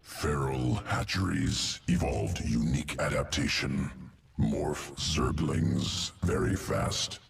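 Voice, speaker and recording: A man voices a cold, clinical alien insectoid geneticist for a video game, using a rumbling low, creaky, guttural growl with a steady tone. His speech is deliberate, clipped and telegraphic without articles, and the exaggerated performance is recorded far from the mic.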